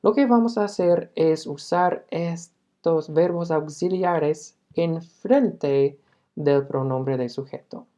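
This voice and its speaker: A woman's voice: deep voice, slow pace, mellow. A woman teaching a beginner English lesson, explaining step by step and patiently, with filler sounds between phrases.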